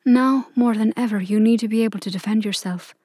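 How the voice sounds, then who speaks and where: A woman's voice: mid-range voice, a little fast, dark tone, no echo, studio quality, close to an everyday voice. A woman voicing a stern, stoic fairy queen who speaks firmly and commandingly. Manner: firm, clipped, commanding.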